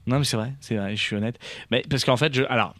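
A man hosting a casual radio chat, rambling through a story with lots of hesitations and false starts. His voice is mid-pitched and sits close to a dry studio mic. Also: fast talker, a bit bright, dry recording. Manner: rambling storyteller, many fillers and restarts. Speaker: radio show host and singer.

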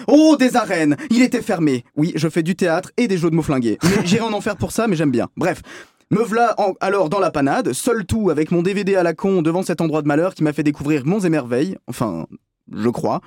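A man with a fairly high voice, hamming up a comic film review with mock-tragic flourishes. The sound is close and dry, with no room around it. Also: a little mellow, no echo. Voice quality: hammy, mock-dramatic delivery.

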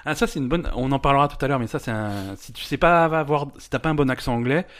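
A man co-hosting a casual podcast, telling stories with many stammered restarts. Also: mid-range voice. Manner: fast, stammering restarts, lively storytelling. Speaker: podcast co-host.

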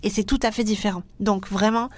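A woman's voice: mid-range voice, steady tone, brisk, a little mellow, no room sound. Young woman with a French accent, solo podcast host; earnest, encouraging delivery with frequent "euh" restarts, dry close-miked sound. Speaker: podcast host and teacher trainer.

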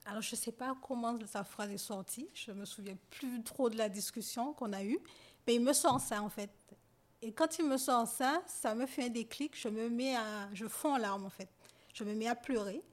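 A woman guest on a podcast, telling her personal story in a halting, hesitant way that often trails off quietly. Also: a little high. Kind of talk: personal testimony in conversation.

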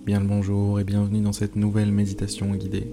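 A man hosting an improvised guided meditation, pausing often, repeating phrases and slipping into informal asides. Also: on the low side, completely flat delivery. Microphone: speaking into a microphone. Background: music.

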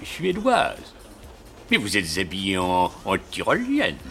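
An actor in a dubbed film playing a man who slowly quizzes a woman about where she is from. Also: low voice, huge pitch swings, fairly bright tone, faint music behind, full character voice. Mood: probing.

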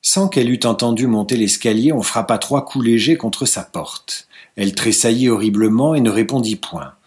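A man reads a classic novel aloud in a medium-pitched voice. His delivery is measured and unhurried, storybook-style. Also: a little mellow. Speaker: reader.

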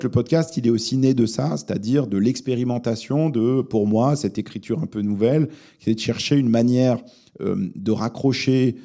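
A man born in Lebanon speaks in a low, very dark voice. He is a journalist giving thoughtful interview answers and often pauses to search for words. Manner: thoughtful, many hesitations and fillers. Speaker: journalist and podcast host, guest here.

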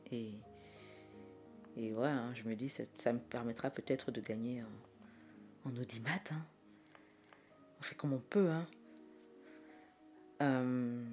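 A woman's voice: extremely low pitch, mellow. A woman from France hosting a solo podcast, talking to herself at home at night in a chatty, self-mocking ramble full of restarts and fillers, recorded on a portable recorder. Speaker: podcast host. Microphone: portable audio recorder. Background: faint classical music.

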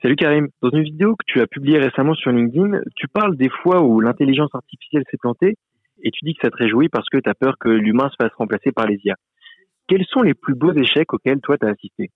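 Casting: listener question, quick-talking husky man, tinny phone-line sound. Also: medium pitch, lively intonation, no echo. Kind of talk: recorded voice message.

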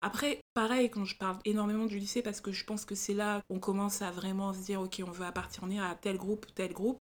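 A woman guest recalls things in a relaxed, reflective way during an interview. Her speech is conversational, at a middle pitch, with an easy rhythm. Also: brisk. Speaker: guest, magazine founder. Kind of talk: casual interview talk.

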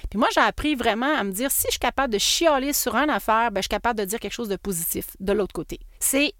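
A middle-aged woman with a Québécois accent talking as a motivational coach in a solo podcast, animated and emphatic, repeating phrases for effect. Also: a little high, fast, no room sound, studio quality.

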